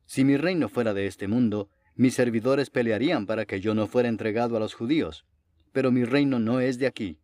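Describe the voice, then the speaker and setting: A calm, solemn prophet who answers slowly and with weight, as a man reads his words in a Bible reading. The voice sits at a middle pitch and takes its time. The recording is dry and close. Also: dry recording, lightly acted. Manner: slow and measured.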